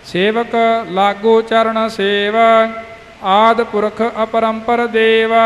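A man chants devotional hymns very slowly, his voice pitched high and held to a narrow, even melody. The sound rings in a reverberant hall, with faint music underneath. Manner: slow sung recitation of scripture. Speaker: kirtan singer.

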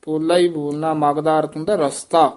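A man teaching scripture pronunciation, correcting and demonstrating words slowly and deliberately. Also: on the high side, level tone, a little mellow. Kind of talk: pronunciation lesson.

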